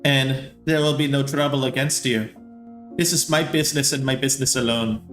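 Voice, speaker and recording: A man's voice: medium pitch, fairly even intonation, fairly quick, a bit bright, close to an everyday voice. A man voicing a cocky drunk young nobleman in a tabletop game, mocking, threatening and profane, with music behind. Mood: belligerent.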